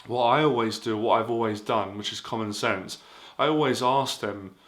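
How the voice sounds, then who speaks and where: A man's voice: lowish voice, moderate pace, fairly bright tone. A man giving casual dating advice in an earnest, repetitive way, full of fillers. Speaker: dating coach.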